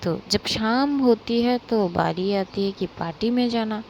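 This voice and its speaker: Woman, young adult, relaxed chatty narration, slow pace, gravelly voice. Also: on the high side, a little hiss or hum, poor audio. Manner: relaxed, chatty, with frequent fillers. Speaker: storyteller. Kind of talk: casual story narration.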